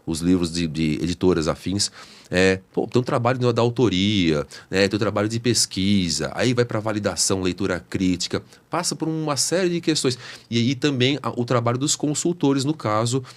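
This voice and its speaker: A man's voice: lowish voice, moderate pace. A Brazilian man hosting an interview, talking hesitantly and adding tag questions after almost every phrase. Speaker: host and teacher.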